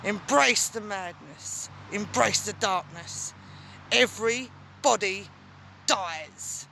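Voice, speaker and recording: Woman doing a slow gloaty demon queen, bright voice, faint noise behind. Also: mid-range voice, gravelly, full character voice. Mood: gloating menace. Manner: taunting, with drawn-out evil laughs. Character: menacing female demon wrestling champion, gloating. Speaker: wrestling promo performer. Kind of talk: wrestling promo.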